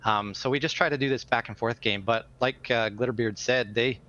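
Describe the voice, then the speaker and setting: A man's voice: mid-range voice, fairly even intonation, fairly quick, pushed and bright, highs cut off. A man explaining his team's game plan in a casual post-match interview, rambling and self-deprecating. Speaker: team player interviewed after match.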